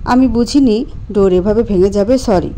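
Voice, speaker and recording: A woman voicing a bossy, teasing young husband in a narrated storybook, in a lightly lowered version of her own voice. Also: animated, moderate pace, warm tone, slight background noise, close to an everyday voice. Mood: impatient.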